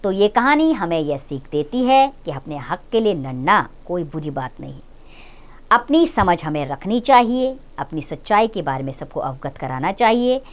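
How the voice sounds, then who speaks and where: A woman teacher talks children through a story, stopping to explain hard words and to ask them questions. Her pitch rises and falls a great deal as she speaks to her young pupils. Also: big pitch swings, moderate pace. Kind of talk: reading and explaining a story lesson.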